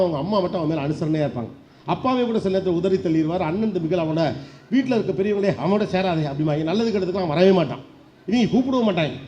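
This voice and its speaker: A middle-aged man giving a lively motivational speech to an audience, firing off rhetorical questions and acting out voices. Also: sits high. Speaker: public speaker. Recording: dull lo-fi sound with faint background noise.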